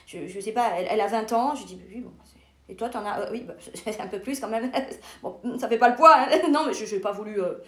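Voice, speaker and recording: A woman's voice: medium pitch, fairly quick, sharp tone. A woman comedian doing a blunt, crude sketch monologue, stammering and repeating herself. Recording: echoey room.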